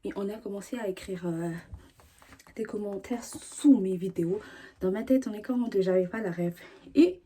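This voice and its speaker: A woman's voice: mid-range voice, moderate pace, mellow, breathy edge. A young woman from Burundi chatting to the camera in a slangy way, full of fillers and restarts. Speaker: vlogger. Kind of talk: casual chat to camera.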